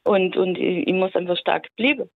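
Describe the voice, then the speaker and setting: A woman calling in to a radio show, calm and easygoing, often restarting her sentences. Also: lowish voice, normal speed. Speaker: caller. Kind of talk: casual phone-in chat. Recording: tinny phone line.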